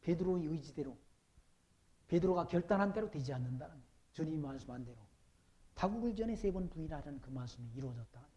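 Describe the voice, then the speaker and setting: Korean pastor preaching with loud, soft swings. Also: male voice, a little high, animated, muffled recording. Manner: reads scripture aloud slowly and forcefully. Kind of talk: sermon.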